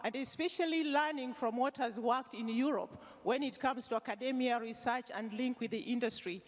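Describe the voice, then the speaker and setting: Woman audience member, slightly high voice, hesitant fillers, big hall. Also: moderate pace. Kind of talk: asking a question at a forum. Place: large conference hall. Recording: reverberant hall.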